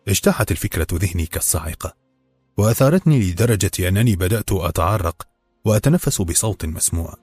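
A man reading a novel aloud with steady, measured storytelling. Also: deep voice, husky, dry recording, soft background music. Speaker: audiobook narrator. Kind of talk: scripted novel narration.

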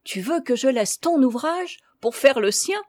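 A woman's voice: high voice, animated, unhurried, a little mellow, no room sound, clean studio sound. A woman voicing a jovial, doting father in a storybook reading, speaking in a hearty, teasing way.

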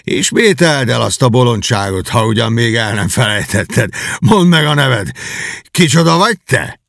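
A man voicing a coarse, brutal middle-aged beggar father who bullies and shouts. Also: mid-range voice, big pitch swings, vocal fry, no room sound, clean studio sound. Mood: mocking, bullying. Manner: bullying, shouting.

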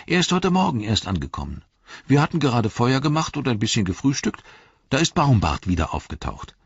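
A man's voice: mid-range voice, very animated, fairly quick, creaky, slightly rough, no room sound, highs cut off, voice pushed up, heavily acted. A man voicing a young male hobbit recounting events in an audiobook. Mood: storytelling. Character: young male hobbit telling his story.

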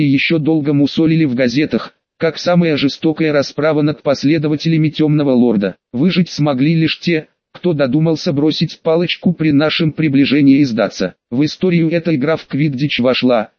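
A man narrating an audiobook in a measured, even storytelling manner. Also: on the high side, no room sound. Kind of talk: scripted narration. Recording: dull, dry, lo-fi.

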